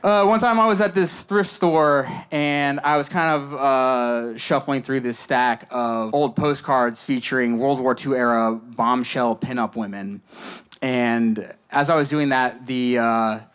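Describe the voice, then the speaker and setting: A young man performing a deadpan stand-up monologue for a live audience, telling stories with dry, mock-earnest understatement. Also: medium pitch, clean tone. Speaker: stand-up comedian. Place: live comedy show before an audience. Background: audience laughter between lines.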